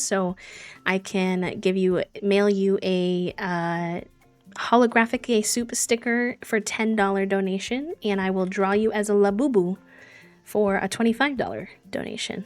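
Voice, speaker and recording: A woman hosts a livestream, talking casually as she plays. Her voice has an average pitch for a woman. Light music runs underneath. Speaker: streamer hosting a charity gaming livestream. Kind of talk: casual livestream chat while gaming. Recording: music behind the voice.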